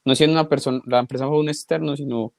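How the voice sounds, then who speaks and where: Relaxed man hosting, dry sound. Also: mid-range voice, racing, vocal fry, dry recording. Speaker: podcast host. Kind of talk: casual interview chat.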